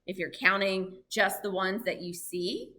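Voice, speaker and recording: A woman presenting a live, lively lesson for families, chatting and asking her audience questions. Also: medium pitch, unhurried, a little hiss or hum. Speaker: library program presenter on birds.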